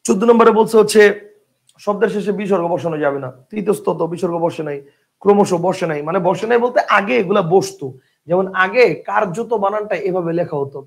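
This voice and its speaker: Male teacher, lecture delivery, fast and gravelly, drills words by repetition. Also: high-pitched. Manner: explains rules with many examples, checks "ঠিক আছে?"; repeats words slowly to drill spelling. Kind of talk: online class lecture.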